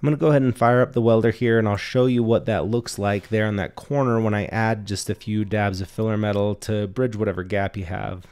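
A man in his thirties teaching welding to camera, explaining each step in a practical, calm way from a small indoor shop. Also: on the low side, brisk, hardly any pauses. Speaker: welding instructor. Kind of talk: instructional talk to camera.

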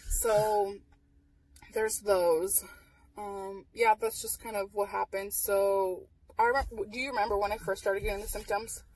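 Young woman vlogger, husky, candid and matter-of-fact, tired, slightly distant car mic. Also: mid-range voice, steady tone, unhurried, darkish tone. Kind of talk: casual chat. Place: parked car at night. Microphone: camera on dashboard.

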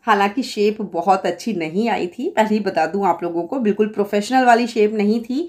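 A woman's voice: medium pitch, a little fast, darkish tone, faint music behind. A woman in her forties from India, explaining a home recipe step by step in a chatty voice-over with small fillers. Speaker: cooking vlogger.

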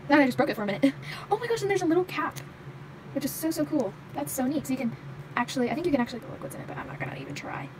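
A young woman with a fairly high voice talks through a toy unboxing in a loose, chatty way, filling pauses with "like" and "um". She speaks from behind a handheld phone camera. A steady noise sits under the recording. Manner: chatty, many fillers like "like" and "um". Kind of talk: casual unboxing show-and-tell. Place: indoors at a toy vet clinic playset. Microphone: handheld phone camera, speaker off screen. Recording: audible background noise.

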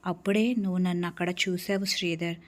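A woman's voice: on the low side, steady tone, brisk, lightly acted. A woman storyteller voicing an obsessed young man who confesses his crime with tears. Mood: remorseful. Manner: tearful confession.

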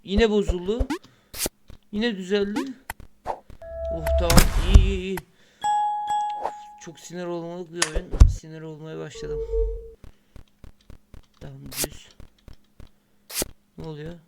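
A man's voice: high-pitched, steady tone, takes it slowly, creaky, long pauses, heavy background noise. A man giving let's-play commentary on a close-up microphone, muttering along as he plays and bursting out cursing when the game frustrates him. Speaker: gaming channel host. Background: loud game music.

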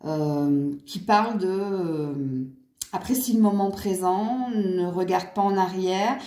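A woman's voice: mid-range voice, slow pace, warm tone, roomy sound. A woman doing a casual angel card reading, chatty with many fillers and small laughs. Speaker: card reader.

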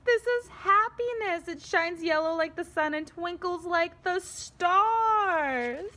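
A woman teacher reading a picture book aloud to young children in an expressive way, often turning to them with asides and questions. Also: extremely high pitch. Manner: expressive, slow and deliberate, addressing young children.

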